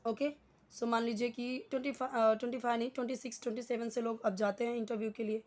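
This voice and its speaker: A woman's voice: on the high side, little pitch movement, darkish tone. Hindi-speaking woman teaching spoken English. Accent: Indian. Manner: explains patiently, repeats phrases slowly.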